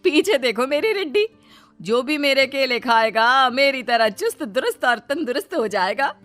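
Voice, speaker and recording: Boastful middle-aged street hawker woman, voiced by a narrator, high sing-song patter for a storybook, music beneath. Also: animated, normal speed, a bit bright. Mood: boastful, enticing. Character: boastful 55-year-old female banana street seller, chanting her pitch.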